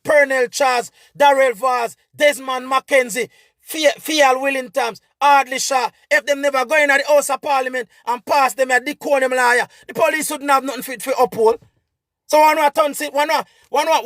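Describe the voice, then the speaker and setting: A man's voice: very high voice, fairly bright tone, no room sound, clean studio sound. A man with a Jamaican accent giving an impassioned, repetitive political rant as a vlogger.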